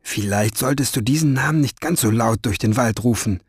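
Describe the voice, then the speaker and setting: A man doing a calm hushed father. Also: fairly quick, breathy edge, no room sound, studio quality, close to an everyday voice. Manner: low, hushed. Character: calm grown father, quiet.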